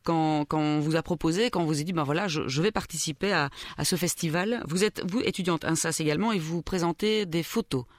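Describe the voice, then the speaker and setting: A woman's voice: low-pitched, brisk, hardly any pauses, dry recording. A woman hosting a radio interview, with stammering restarts and an encouraging tone. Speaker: radio host.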